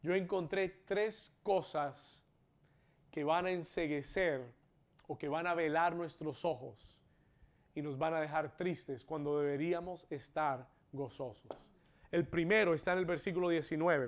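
A man, a pastor, preaching a sermon to a congregation and repeating his points in English, building up to fervent exclamations. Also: on the high side. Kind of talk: bilingual sermon with English echoes. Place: church service.

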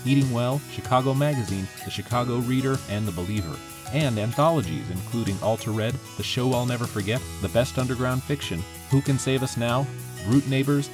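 A man hosting a story podcast, reading scripted introductions in a measured, announcer-like way. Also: medium pitch. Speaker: podcast host.

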